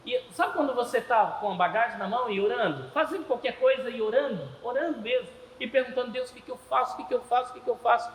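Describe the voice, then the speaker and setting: A Brazilian man preaching a sermon with a Brazilian Portuguese accent, telling stories in an animated way and doing the voices of people he quotes. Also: extremely high pitch, fast, hardly any pauses, reverberant, long reverb tail, poor audio. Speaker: pastor.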